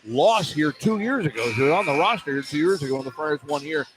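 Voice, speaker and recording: His voice is on the high side, and he talks fast and animatedly. He's a radio announcer doing live basketball play-by-play from a courtside spot in clipped, running phrases, with clear arena ambience and noise behind him on the broadcast.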